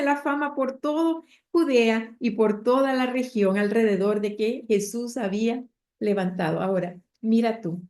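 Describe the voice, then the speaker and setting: A woman's voice: mid-range voice, warm tone. A woman preacher retelling a Bible story with heartfelt emotion, speaking directly to her listeners.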